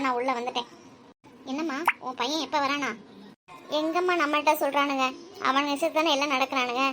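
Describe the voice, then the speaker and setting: A woman's voice: high voice, pushed and bright, a little hiss or hum. A woman voicing a harried middle-aged mother in a cartoon drama, complaining and scolding.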